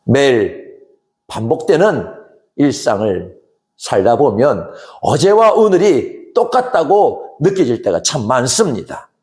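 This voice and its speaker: A man as pastor, giving an earnest sermon that swells to emphatic rises and sinks to hushed drops. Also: mid-range voice, big pitch swings, slow pace. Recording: roomy echo.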